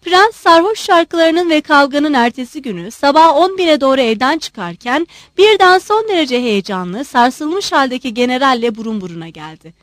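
A woman narrating a literary audiobook in an expressive, measured storytelling manner. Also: sits high, dry recording, studio quality.

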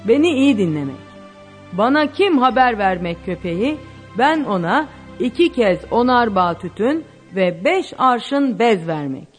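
A woman's voice: on the high side, sing-song, unhurried, soft background music. A woman voicing a commanding male ship captain who barks short orders. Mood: coaxing.

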